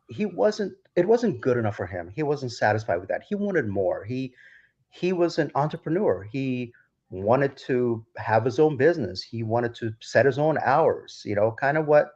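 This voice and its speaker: This is a casual storytelling interview in which a Ukrainian DJ, appearing on a podcast, rambles through a long account with many restarts. He has a medium-pitched, slightly mellow voice, captured in dull lo-fi sound.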